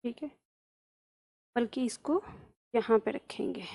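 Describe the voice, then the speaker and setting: A woman's voice: a little high, takes it slowly, vocal fry, warm tone. A woman teaching a grammar lesson. She asks questions and answers them herself, and repeats key terms for emphasis.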